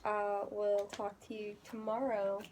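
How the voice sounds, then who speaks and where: A woman's voice: mid-range voice, flat delivery, a little slow, darkish tone. Congested young woman, faint hiss behind. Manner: agreeable, lots of "yeah" backchannel. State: congested, exhausted. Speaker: vlogger. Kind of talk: casual late-night travel vlog chat. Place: hotel room at night.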